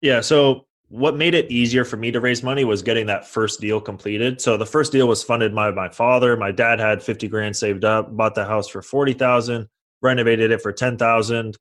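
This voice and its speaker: Speaking at a normal speed with a steady, fairly bright tone and medium pitch, a young Californian man guests on an interview about real estate investing. He confidently explains his beginnings, voicing the quoted dialogue from those early conversations.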